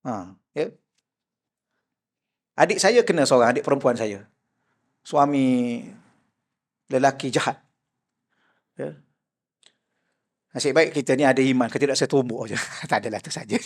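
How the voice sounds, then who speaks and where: A man's voice: mid-range voice, expressive, moderate pace, long pauses. An older man with a Malaysian accent, giving a mosque lecture as a religious teacher, telling jovial stories and acting out the voices he quotes. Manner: jovial storytelling, acts out quoted voices, laughs often.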